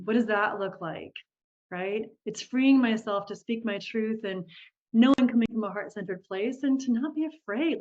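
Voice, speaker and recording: A woman's voice: fairly high pitch, a little mellow. A woman leading a live online group coaching session, upbeat and encouraging, often laughing as she talks to participants. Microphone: video call. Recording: dull lo-fi video call audio.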